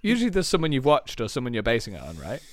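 A man's voice: medium pitch, wildly swooping pitch, racing. A man co-hosting a comedy podcast, teasing his friends bluntly. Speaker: podcast co-host. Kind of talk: casual comedic chat.

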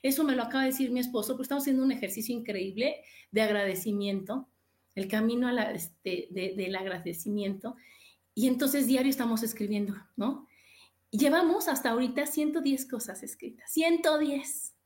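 A woman's voice: fairly high pitch, a little fast, darkish tone. A middle-aged woman with a Mexican accent hosting a motivational podcast, talking expressively and acting out little quoted exclamations. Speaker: podcast host.

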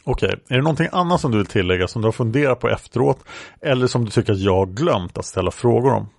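A man reading the lines of a calm, formal male police interrogator from a transcript, in a procedural questioning manner. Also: mid-range voice, vocal fry, no echo, clean studio sound.

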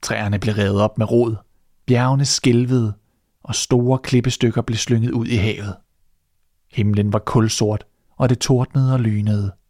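Male storyteller, fairy tale reading, mid pitch, dry close mic. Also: no echo. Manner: steady, even narration.

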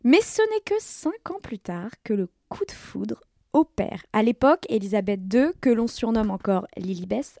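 Lady chatting on a podcast, lively, dry close mic. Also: fairly high pitch, no room sound. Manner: lively, laughing storyteller. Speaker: columnist. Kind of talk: casual podcast chat.

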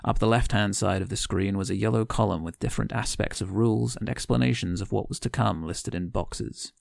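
A man's voice: on the low side, fairly even intonation, brisk, gravelly, dry recording. A man co-hosting a comedy podcast, chatting loosely and then reading a long extract from his own writing, rambling and correcting himself as he goes. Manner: rambling, self-correcting storyteller. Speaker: podcast co-host.

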